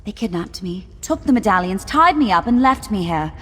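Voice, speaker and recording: A woman's voice: medium pitch, expressive, moderate pace, a bit bright, husky. A woman voicing an earnest, formal, indignant kidnapped enchanter in a fantasy video game, speaking articulately and with urgency. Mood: distressed, indignant. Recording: long cave-like reverb, slightly muddy.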